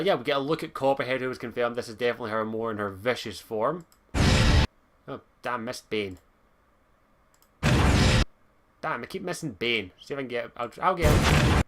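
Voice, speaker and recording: A man's voice: medium pitch, a bit bright, a little hiss or hum. A young man giving a chatty, rambling commentary on a game trailer from his computer at home, swearing casually as he talks. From Scotland. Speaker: gaming video host.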